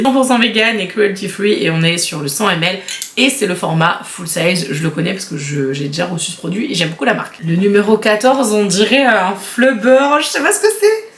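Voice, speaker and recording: A woman beauty vlogger chatting casually through an unboxing, giggly and quick to laugh at herself. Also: medium pitch, echoey room, a little hiss or hum. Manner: chatty, giggly, self-mocking.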